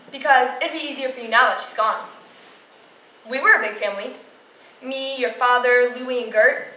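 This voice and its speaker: A woman's voice: fairly high pitch, sharp tone. Woman playing childlike Aunt Bella, echoey room. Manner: guileless, rambling. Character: childlike, chatty, kindly aunt consoling her two nephews. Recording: roomy, distant mic, clear noise.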